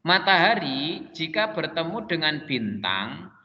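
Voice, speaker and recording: A man teaching a Quran and Arabic class online, patiently explaining step by step and drawing out the examples slowly. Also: on the high side, very animated. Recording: dull lo-fi sound with long reverb and faint noise.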